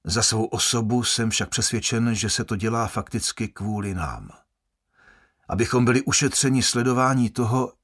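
A man reading a first-person audiobook in a measured, grave storytelling manner. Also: on the low side, a bit bright, breathy edge. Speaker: audiobook narrator.

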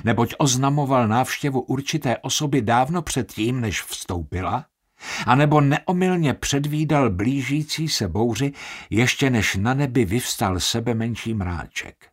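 A man narrating a novel, reading steadily and expressively. His voice sits at an ordinary middle pitch. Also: expressive. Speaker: audiobook narrator. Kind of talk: scripted narration.

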